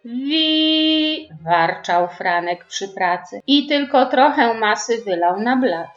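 A woman reading a children's story aloud to preschoolers in a gentle, expressive storybook manner. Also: medium pitch, measured pace. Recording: echoey, dull room with faint music.

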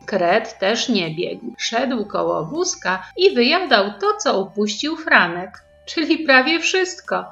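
Lady reading a bedtime-style story to preschoolers, real slow, bit muffled sound, faint music behind. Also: on the high side, gravelly. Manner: slow, lively, expressive reading. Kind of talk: reading a children's story aloud. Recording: slightly dull recording with faint music.

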